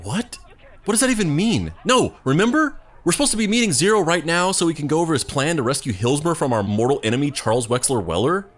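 A man's voice: a little high, big pitch swings, quick pace. A man playing a sardonic, exasperated adventurer in an audio comedy, with a dry, incredulous way of talking. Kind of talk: scripted audio comedy acting.

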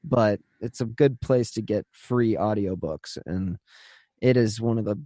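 A man's voice: lowish voice, measured pace, warm tone, no echo. A man hosting a true crime podcast, moving between introduction and casual chat in a studio.

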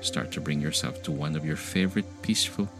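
Man, bass-register voice, calming sleep story narration, gentle slow instruction, clear music underneath. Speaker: meditation podcast host and guide. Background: music behind the voice.

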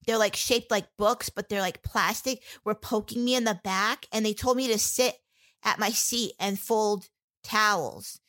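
A woman telling her own story in an interview, halting and candid, with many fillers and restarts. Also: medium pitch, pushed and bright. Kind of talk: personal testimony in an interview.

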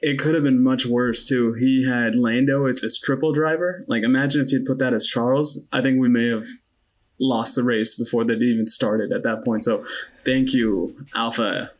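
A man's voice: medium pitch, steady tone, normal speed. A man co-hosting a podcast in casual chat, playful and self-deprecating. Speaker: podcast co-host.

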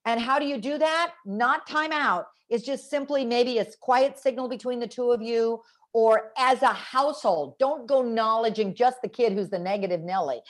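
A middle-aged woman, an educational psychologist appearing as an expert guest in a conversational interview, tells stories animatedly and acts out what kids told her. Her voice is fairly high, at a moderate pace with few pauses.

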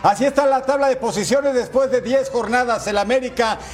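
A man's voice: very high voice, fairly quick. A man co-hosting a sports show, commenting on football in a playful, exclamatory way. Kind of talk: excited football highlights commentary and banter. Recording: music bed behind the voice.

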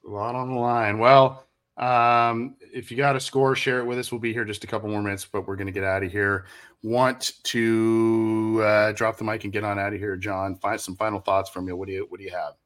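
An easygoing man with a low voice co-hosts a sports podcast. He fills his talk with small hesitations and restarts as he wraps up the segment. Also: level tone, a little fast, a bit bright. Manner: easygoing, many fillers and restarts. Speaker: podcast co-host. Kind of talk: casual sports podcast chat.

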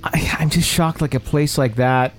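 The host of this podcast is a man with a higher voice, fairly even intonation and a normal speaking speed. He chats casually and reads listeners' stories aloud in a friendly, conversational style, with music in the background.

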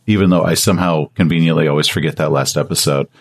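Deep husky man rambling in chat. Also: quick pace, no room sound. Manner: rambling, repeats filler words. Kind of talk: casual chat.

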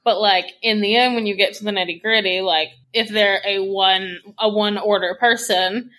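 A woman's voice: medium pitch, steady tone, normal speed, fairly bright tone, rough recording. A woman co-hosting a casual, unscripted podcast, giving advice in a blunt, emphatic, slangy way.

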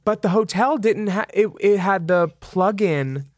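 A man co-hosting a podcast in casual chat, crude and joking with quick asides. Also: high-pitched, slight background noise. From Italian-American. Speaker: podcast co-host.

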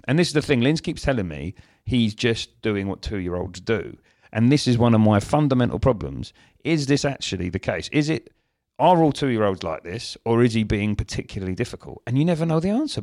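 A man co-hosting a casual chat podcast, telling animated stories and acting out exchanges with his toddler. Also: mid-range voice, fairly quick. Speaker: podcast co-host.

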